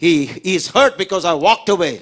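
Pastor guy preaching real slow, fairly high voice, short bits w pauses for translation. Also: lively intonation, fairly bright tone. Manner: preaches in short phrases, pausing for the interpreter, rising to emphatic exhortation. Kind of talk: sermon with live interpretation. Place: church service.

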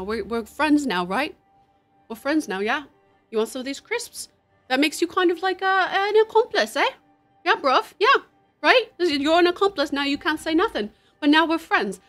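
A woman's voice: sits high, animated, a little slow, pauses often, a bit bright, faint music behind. A woman putting on a swaggering, slangy young tough who bullies and threatens in a mock British street voice.

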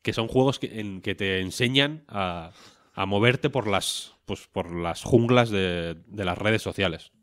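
A man's voice: lowish voice, unhurried, fairly bright tone, no echo, studio quality. A man, co-hosting a podcast in casual chat, rambling and joking with a lot of swearing. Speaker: podcast co-host.

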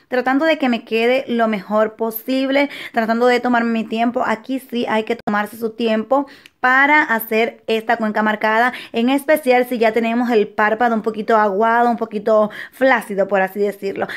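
A young adult woman talking through a makeup tutorial in an affectionate, chatty way, full of diminutives. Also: fairly high pitch. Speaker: beauty vlogger.

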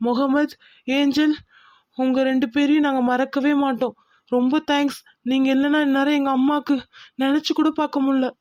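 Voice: sits high, level tone, normal speed, darkish tone, no echo, dull audio, voice pushed up, lightly acted. A performer voicing an anxious devoted young son. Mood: grateful. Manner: pleading, earnest. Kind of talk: Tamil cartoon voice acting.

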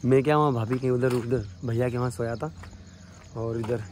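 A man's voice: mid-range voice, steady tone, moderate pace, a little mellow, a little hiss or hum. A man with an Indian Hindi accent vlogging casually outdoors around his family house, chatty and upbeat as he talks to his viewers. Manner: chatty and upbeat, addresses friends. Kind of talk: casual vlog, home tour. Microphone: handheld phone camera.

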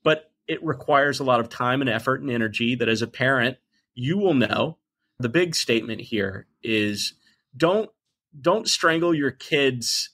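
A bright, forward-sounding male voice at an ordinary middle pitch. He is a man in his forties talking as a podcast guest, emphatic and animated. He now and then slips into acted-out quotes of other people. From United States. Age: 40s. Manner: emphatic, animated storyteller who acts out quotes. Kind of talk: conversational interview.

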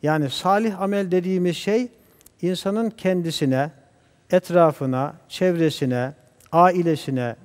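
A man speaking as a guest scholar on a religious TV program, talking in a measured, preacher-like way and reciting Arabic verses. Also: high voice, a little mellow, in a large hall. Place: TV studio.

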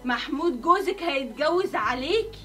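A woman's voice: sits high, lively intonation, normal speed, a bit bright, distant mic. A woman with an Egyptian accent acting in a comedic family sketch, urgent and warning. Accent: Egyptian Arabic. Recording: off mic with music behind.

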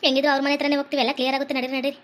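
A young village wife, played by a woman. Her voice is very high and she talks rapidly in a pleading tone. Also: completely flat delivery, a bit bright. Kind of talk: comedy sketch acting.

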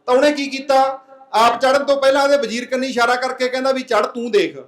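High-voiced man addressing a crowd. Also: flat delivery, quick pace, echoey room. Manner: asks the crowd rhetorical questions; earnest, plain-spoken exhorting. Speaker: speaker at a public anti-drug meeting. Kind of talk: public speech with a folk parable.

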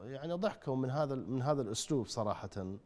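A man's voice: mid-range voice, lively intonation, very fast, mellow, long reverb tail. A male talk show host with an Iraqi accent, taking calls and reading out tweets with frequent filler hesitations. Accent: Iraqi Arabic. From Iraq.

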